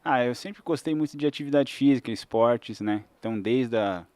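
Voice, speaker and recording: A fitness trainer in his forties from Santa Catarina in southern Brazil chats as a podcast guest in a casual interview. He explains things at length in an easygoing way, with restarts and fillers. His voice is medium-pitched and a little mellow, at normal speed, with no echo.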